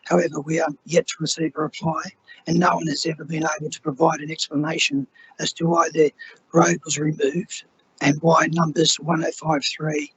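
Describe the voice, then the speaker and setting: A hoarse man who has nearly lost his voice, reading a formal prepared statement to a council meeting. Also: a little high, a little hiss or hum, rough recording. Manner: formal, steady, measured. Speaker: resident addressing council. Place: council chamber.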